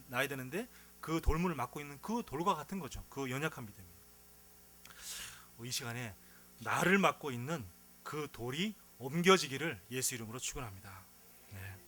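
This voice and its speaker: A male pastor preaching a sermon, telling stories with feeling and asking the congregation rhetorical questions. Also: medium pitch. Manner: animated storytelling with rhetorical questions.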